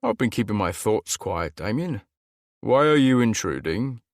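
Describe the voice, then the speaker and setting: A man's voice: fairly low pitch, very animated, a little slow, no room sound, studio quality, voice pushed up. A man voicing a troubled, guarded young shifter who talks tensely and blames himself. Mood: edgy.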